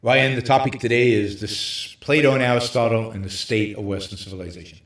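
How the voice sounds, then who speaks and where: A man hosting a livestream, lecturing emphatically from a hotel room with very high ceilings, his voice carrying a hollow cave-like echo. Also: steady tone, fairly quick, a bit bright. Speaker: show host. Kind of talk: livestream talk on philosophy.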